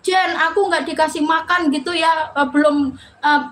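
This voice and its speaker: A woman's voice: high voice, steady tone, normal speed, fairly bright tone, a little hiss or hum. A woman hosting a casual live stream, chatting and reading out viewers' names with frequent laughter.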